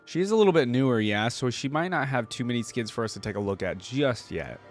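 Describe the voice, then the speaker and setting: This reaction video creator speaks in a mid-range, expressive voice, moving briskly through his commentary. It's casual, enthusiastic and conversational, like he's thinking aloud, with music playing behind him.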